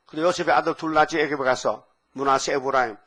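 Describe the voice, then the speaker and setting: An older man preaching a sermon in an animated way, breaking into acted-out dialogue between biblical characters. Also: a little high, fast. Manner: animated, acts out biblical characters in lively voices.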